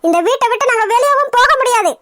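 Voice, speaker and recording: A woman's voice: very high voice, animated, fast talker, sharp tone, dry recording, studio quality, voice pushed up, heavily acted. A woman voicing a scheming, scolding middle-aged aunt in a cartoon. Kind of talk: cartoon dubbing.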